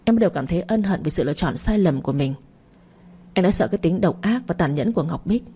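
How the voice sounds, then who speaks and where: A woman narrating a dramatic family story in a steady, scripted reading. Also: lowish voice, fast, breathy edge.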